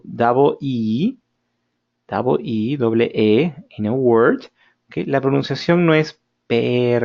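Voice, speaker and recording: Man teaching English with a gravelly voice. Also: mid-range voice, darkish tone. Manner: explains in Spanish mixed with English, slows for model words, frequent "ok?" checks. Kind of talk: recorded lesson reviewing grammar and pronunciation. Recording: dull lo-fi recording.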